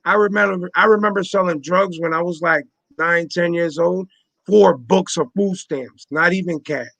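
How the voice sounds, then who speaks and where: A man's voice: high voice, normal speed, gravelly, a bit bright, no echo. A man in his forties hosting a casual panel chat on a video call, emphatic and full of street slang, repeating his points. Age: 40s.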